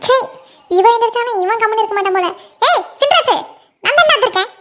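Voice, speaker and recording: A voice actor playing a scolding older village mother-in-law in a cartoon comedy, nagging and shrill. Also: steady tone, very fast.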